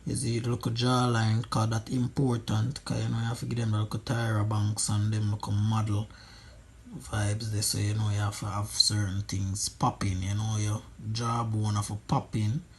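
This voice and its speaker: A Jamaican man gives a casual, humorous commentary in a husky voice with plenty of creak. He speaks in Patois slang and repeats short phrases to drive them home. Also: fairly low pitch, level tone, moderate pace. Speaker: friend doing a makeup voice-over.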